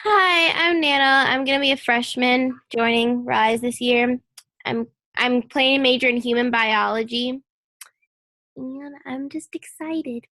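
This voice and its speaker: An eager young freshman introduces herself over a video call. Her voice is high and bright, with a dry, close sound. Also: unhurried, no room sound. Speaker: incoming student.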